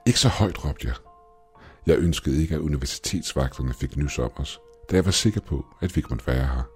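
A man narrating a scripted first-person story in a steady, measured way. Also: rumbling low, husky, soft background music.

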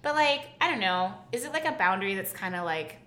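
A woman's voice: mid-range voice, expressive, brisk, pushed and bright, reverberant. A woman co-hosting a comedy talk show, chatting in a rambling way and filling her speech with "like". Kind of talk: improvised comedy chat.

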